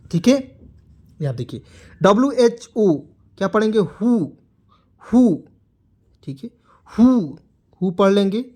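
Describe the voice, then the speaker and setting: High-voiced man teaching English. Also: darkish tone. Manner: repetitive question-and-answer drilling, spelling words letter by letter. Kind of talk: classroom-style spoken lesson.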